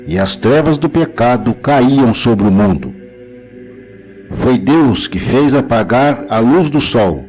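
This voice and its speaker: A man giving a solemn, measured devotional narration with scripture readings. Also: mid-range voice, a little mellow, low-quality recording.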